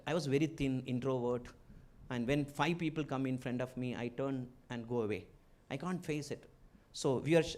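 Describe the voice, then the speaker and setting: This motivational student address comes from a middle-aged entrepreneur and former chief executive from India with a strong Malayali accent. His mid-range, slightly mellow voice delivers short, emphatic phrases, and he keeps repeating key words.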